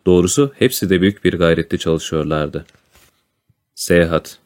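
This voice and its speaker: Deep-voiced male storyteller. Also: normal speed. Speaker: audiobook narrator. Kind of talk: storybook narration with voiced dialogue.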